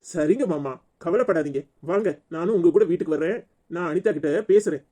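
A woman plays a young cartoon husband with a low, dark, mellow voice. He speaks earnestly and presses to be heard, with a Tirunelveli Tamil accent. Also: brisk, natural voice. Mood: reassuring.

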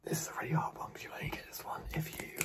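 A man in his twenties hosting a fast, aggressive ASMR guessing game in a breathy, hurried whisper, repeating short phrases. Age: 20s. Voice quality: breathy, mostly unvoiced whisper. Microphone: camera mic at about arm's length, no separate microphone. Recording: distant camera microphone.

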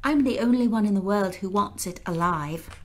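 A woman reading aloud and voicing a curious, determined young girl, with a bright, eager manner. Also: mid-range voice, moderate pace, voice pushed up, natural voice.

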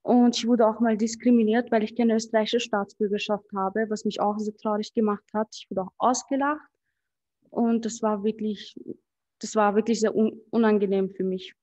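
A seventeen-year-old woman gives an earnest, slightly hesitant personal account at a podium microphone. Her voice is mellow and soft-toned, recorded dry and close. The sound is a little dull. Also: medium pitch, flat delivery, moderate pace, no room sound. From Austria. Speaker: student speaker at a press conference. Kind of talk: personal testimony.

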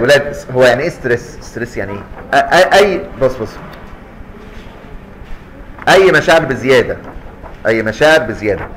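A man with an Egyptian Arabic accent giving a lively physiology lecture to students, quizzing them and acting out little scenes. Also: on the high side, a little hiss or hum, rough recording. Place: lecture hall.

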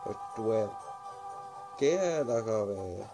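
A man's voice: lowish voice, expressive, takes it slowly. A drowsy young adult man giving casual gameplay commentary, rambling and muttering to himself with some swearing. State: tired, drowsy. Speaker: gaming video host. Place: small room at home. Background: game music.

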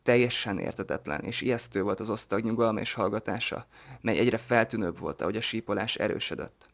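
A man narrating an audiobook in a steady, even reading voice. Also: on the low side, gravelly.

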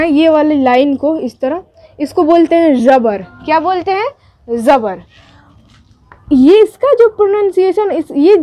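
High-voiced woman teaching letters, call-and-answer. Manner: asks and answers her own questions, repeats sounds slowly. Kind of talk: teaching Urdu letters at a board.

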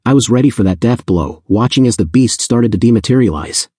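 A man's voice: mid-range voice, expressive, a little fast, dark tone, husky, no room sound, studio quality. A man narrating a first-person fantasy audiobook in an intense, blunt, casually profane storytelling manner.

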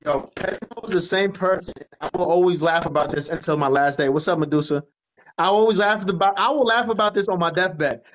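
High-pitched New Jersey man, dull lo-fi sound. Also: fairly quick, a bit bright. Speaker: livestream host. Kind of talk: casual livestream rant. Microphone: phone at arm's length. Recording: dull lo-fi livestream phone audio.

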